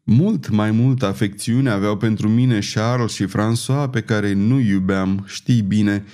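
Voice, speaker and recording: A man's voice: lowish voice, steady tone, dark tone, close to an everyday voice. A man voicing a bitter aging queen mother. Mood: bitter, grave. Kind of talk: audiobook reading.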